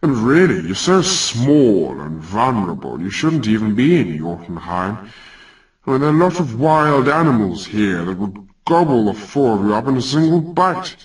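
A man's voice: mid-range voice, big pitch swings, moderate pace, far from the mic, natural voice, rough recording. A man voicing a huge, sleepy male giant who talks in a lazy, offhand, condescending way. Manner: lazy, mumbling, patronizing. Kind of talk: storytelling character voice.

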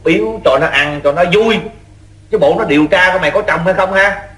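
A man's voice: high-pitched, fairly quick, fairly bright tone, a little hiss or hum. An actor playing a fussy, kind-hearted middle-aged rural father in an old-style radio drama, with a Southern Vietnamese accent and a folksy, exclamatory way of ordering people about. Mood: concerned. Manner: folksy, exclamatory, repeats himself when giving orders. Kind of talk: radio drama acting in the manner of an old radio show. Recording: roomy echo with music.

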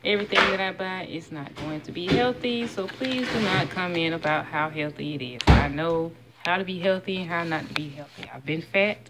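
Holding her phone camera close in her kitchen at home, a woman in her thirties casually walks through her grocery haul, chatting and naming each item's price. This vlogger has a fairly low-pitched voice, with a little hiss or hum in the recording.

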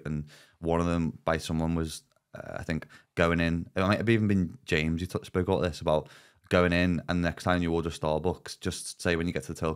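A man in his thirties with a low, smooth voice co-hosts a podcast from a small indoor studio, speaking into an arm-mounted studio mic while wearing headphones. In this casual chat he hands out emphatic, opinionated advice, often restarting sentences and repeating words as he begins them.

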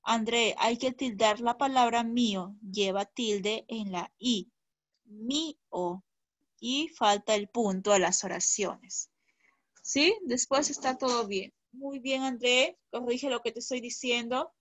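A woman teaching children over a video call. Her voice sits a little high and sounds dry and close. She speaks patiently and keeps asking whether they follow. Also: a little slow, no echo. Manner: patient, checks in with "¿ya?" and "¿sí?". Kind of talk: online class teaching.

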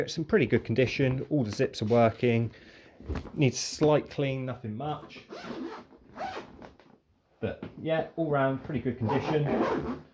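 Over some background noise, a young man with a medium-pitched voice chats about his car boot sale bargains. It's a relaxed show-and-tell for his vlog, rambling and full of thinking aloud.

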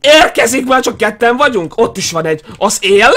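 A young man doing excitable let's play commentary as a gaming YouTuber, yelping, shrieking and laughing often. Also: very high-pitched.

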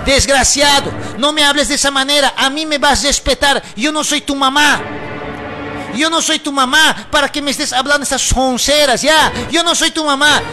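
A fed-up, scornful young wife, as a man puts her on, her voice pitched very high as she whines and hurls shouted insults. Music plays clearly under the storytelling. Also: unhurried. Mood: furious. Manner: whiny complaining, then shrill shouting insults.

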